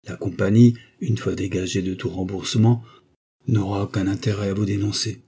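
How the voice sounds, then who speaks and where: A man reading a novel aloud, voicing a cold, commanding noble duchess in a raised, forceful voice. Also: lowish voice, steady tone, moderate pace, slightly rough. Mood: cold, stern. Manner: stern, commanding, solemn. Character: imperious cold-hearted noble duchess, woman. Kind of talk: audiobook character voice.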